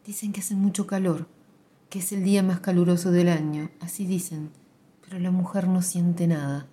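A woman narrator, reading a literary text in a quiet, measured way. Her voice is low-pitched and dark, with a mellow warmth. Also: little pitch movement.

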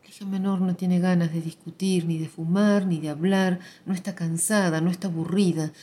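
Quiet, mellow woman narrator. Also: lowish voice, fairly even intonation, normal speed. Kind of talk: literary reading.

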